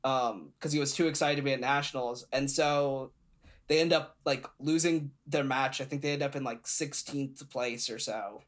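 A man's voice: medium pitch, moderate pace. A young man as a podcast guest, retelling a story in casual chat, rambling with many fillers.

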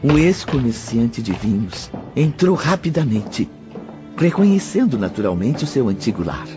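A man with a Brazilian accent provides solemn, literary narration for a radio drama, his mid-range voice very animated yet a little slow. The production sounds muffled, with music playing underneath.

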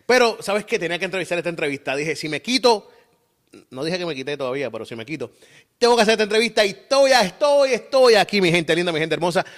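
A man's voice: high-pitched, expressive, fast. A man with a Puerto Rican accent hosting a casual podcast interview, hyped and playful, full of slang. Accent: Puerto Rican Spanish. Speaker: podcast host.

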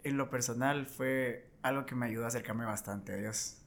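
A man hosting a casual conversation, soft-spoken, affirming the guest with short remarks. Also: mid-range voice, moderate pace, a little hiss or hum.

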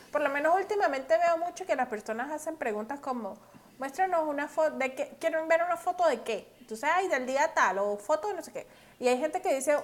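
A woman, co-hosting a casual podcast chat and swinging from soft-spoken to loud and dramatic. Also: high voice. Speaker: podcast co-host.

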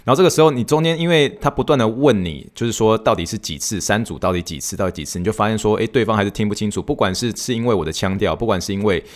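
Taiwanese man, middle-aged podcast host, low voice, rapid rambling delivery, casual solo chat. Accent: Taiwanese Mandarin. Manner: chatty, rambling storytelling with many restarts.

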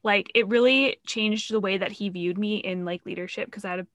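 A woman's voice: medium pitch, steady tone, brisk, a bit bright. A young woman in her twenties, a podcast guest, talking earnestly and leaning on lots of filler words. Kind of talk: casual chat.

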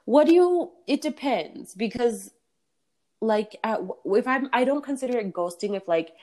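A woman's voice: fairly high pitch, expressive, normal speed, warm tone. A young woman co-hosting a podcast, talking candidly in casual chat, swearing freely and laughing often. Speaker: podcast co-host.

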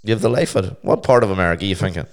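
A Northern Irish man with a gravelly voice, hoarse from a sore throat, teasing and swearing casually as a podcast host. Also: sits low, racing. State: hoarse with tonsillitis. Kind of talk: casual bantering podcast chat.

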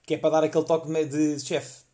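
A man's voice: a little high, level tone, quick pace, dark tone. Slangy Portuguese young man podcaster. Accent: European Portuguese. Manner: rambling, slangy, full of fillers, acts out quotes. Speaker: podcast host. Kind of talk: casual comedic storytelling monologue.

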